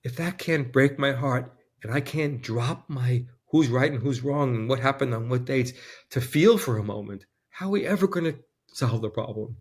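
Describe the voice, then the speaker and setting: A man's voice: mid-range voice, moderate pace, breathy edge. Earnest man speaking with emotion. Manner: earnest, tearful at times. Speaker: guest. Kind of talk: emotional conversation.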